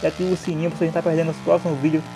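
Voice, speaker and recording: A man's voice: on the high side, level tone, racing, creaky, noisy background. Hyped young Brazilian man vlogging. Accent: Brazilian Portuguese. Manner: hyped, slangy, repeats tag words like "né" and "hein". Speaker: motovlog host. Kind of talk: excited vlog commentary.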